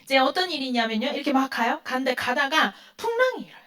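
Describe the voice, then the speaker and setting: A woman's voice: high voice, sing-song, fast, sharp tone. A woman giving a sermon to a youth group, asking her listeners questions and then answering them herself, and acting out the quoted lines. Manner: acts out quoted lines in a dramatic voice. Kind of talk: sermon to teenagers.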